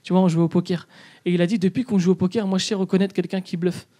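A man's voice: sits high, little pitch movement, fast, mellow. A young man doing stand-up in a comedy club, telling a story and acting out both sides of the dialogue.

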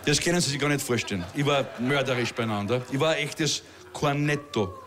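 A middle-aged comedian with a Viennese Austrian German accent tells a stand-up story in a brisk, medium-pitched voice against a noisy background. He's chatty and self-mocking, with laughing asides.

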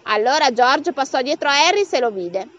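A woman reading a comic novel aloud as an audiobook, bringing the dialogue to life with raised pitch. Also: expressive, moderate pace, a bit bright, dull audio. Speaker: audiobook reader.

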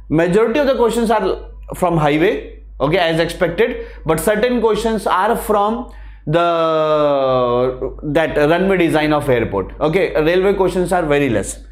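High-pitched North Indian man lecturing. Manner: repeatedly addresses listeners as guys, emphatic repetition. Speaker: exam-prep teacher. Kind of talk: classroom lecture to camera. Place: indoor teaching studio at a large screen. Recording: roomy, echoing studio classroom.

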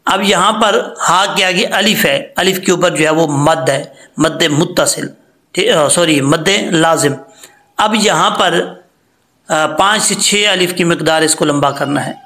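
Bright high-voiced man teaching recitation. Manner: patient, explains step by step, then chants slowly. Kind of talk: tajweed lesson with recited examples.

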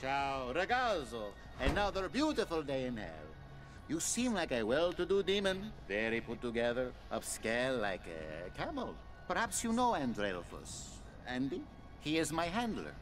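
An actor playing an effusive, flattering man in a video game, florid and flamboyant. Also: medium pitch, normal speed, faint music behind, lightly acted.

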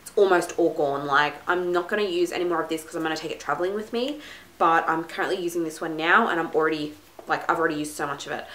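Stuffed up with a cold, a woman in her twenties reviews beauty products casually from a small home room against a plain wall, gushing and chatty with plenty of "like" and "my goodness". Her voice is fairly low in pitch but a bit bright, recorded in an echoey space with faint hiss.

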